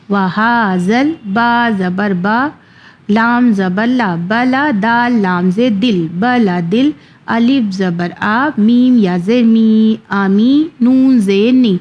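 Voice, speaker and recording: A woman teaching children to read the Quran. She spells out each syllable slowly, then explains quickly. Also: a little high, lo-fi sound. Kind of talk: children's Quran reading lesson.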